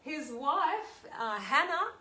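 A high-pitched Australian woman hosting a sing-along, giggly and chatty as she introduces her group, in no hurry. Her voice rings in an echoey room with music playing behind. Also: big pitch swings, takes it slowly, sharp tone. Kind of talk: casual chat between hymns. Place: room with a piano and a small group.

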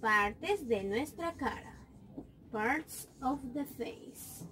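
A woman teaching a lesson to small children, coaxing them slowly and drawing out each word she repeats. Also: high-pitched, expressive, sharp tone, a little hiss or hum. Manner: slow, coaxing, drawn-out repetition of words. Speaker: preschool teacher.

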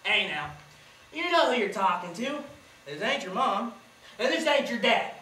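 Playing a sly, boastful old country grandfather, a student on a school stage lectures in a cackling folksy drawl. The mid-range voice is sharp-toned with big pitch swings and a moderate pace, and the boisterous scene is captured in a distant, echoey auditorium recording.

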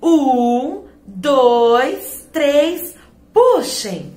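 A woman's voice: fairly high pitch, animated, takes it slowly, reverberant. A woman voicing a brave but worried little bear cub with a plaintive, childlike voice. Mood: determined.

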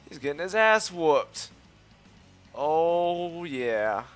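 A man's voice: on the high side, extremely slow, soft background music. A man giving live gameplay commentary, boasting, swearing often and yelping when things go wrong. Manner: excitable, swears often, yelps at mishaps; cocky trash talk. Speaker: let's play host.

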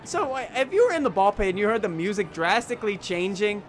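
A man's voice: high voice, quick pace, faint music behind. A young man playing a video game for viewers, joking and reacting as he goes. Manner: jokey, animated, talks to viewers. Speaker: gaming YouTuber. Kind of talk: let's play commentary.

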